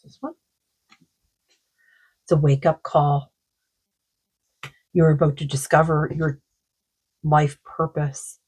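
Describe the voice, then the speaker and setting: A woman doing a tarot card reading, talking in a slow, meandering way, her throat sore. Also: low-pitched, level tone, darkish tone, breathy edge, rough recording. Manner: slow, meandering, full of likes and you-knows. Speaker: psychic card reader.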